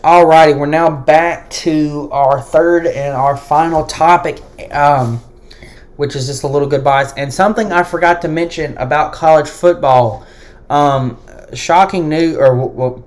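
A man hosting his own sports podcast, talking alone in a hesitant way with many fillers and restarts. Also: on the high side. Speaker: podcast host. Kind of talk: solo sports podcast talk.

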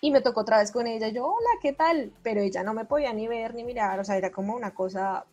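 A woman's voice: a little high, steady tone, fast, darkish tone, muffled recording, faint music behind. A woman telling a childhood anecdote in casual chat, acting out quotes.

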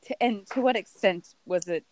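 Giggly, animated woman recapping a show. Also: mid-range voice, moderate pace. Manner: animated, giggly storytelling with swearing. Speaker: podcast co-host. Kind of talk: casual chat recapping a TV show.

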